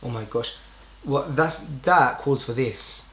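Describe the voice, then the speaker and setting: Speaking slowly in a mid-range voice, a young British podcast host live streams casually over a noisy background. He rambles informally and keeps correcting himself, and the room gives an indoor echo.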